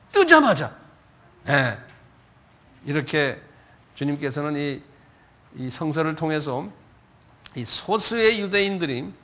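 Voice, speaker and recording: Conversational Korean pastor, slightly high voice. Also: male voice, fairly bright tone. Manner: conversational preaching, acts out quoted pleas with raised voice; frequent repetitions and self-corrections. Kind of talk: Sunday sermon.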